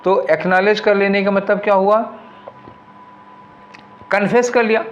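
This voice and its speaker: A male English teacher walking through an exam paper, explaining in Hindi, reading the English options slowly and asking rhetorical questions as he goes. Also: high voice, lo-fi sound, slight background noise. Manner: conversational, asks rhetorical questions. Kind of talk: exam paper walkthrough lesson.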